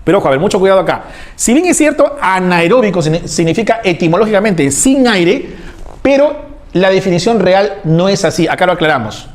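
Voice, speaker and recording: A male teacher giving a lecture, animated, asking questions and answering them himself. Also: high-pitched, a little fast. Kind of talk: classroom lecture.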